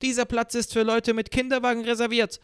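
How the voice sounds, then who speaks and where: Shrill, scolding middle-aged harridan, voiced by a man for a storybook reading; always angry. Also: level tone, fairly quick, a bit bright, clean tone. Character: middle-aged woman, burly, furious, scolding.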